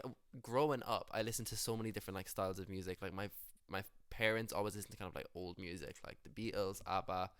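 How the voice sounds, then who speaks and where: Young man, Irish accent, casual interview talk, low smooth voice, dry close sound. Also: a bit bright, dry recording. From Ireland. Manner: chatty, jokey, heavy use of "like". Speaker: musician and music teacher.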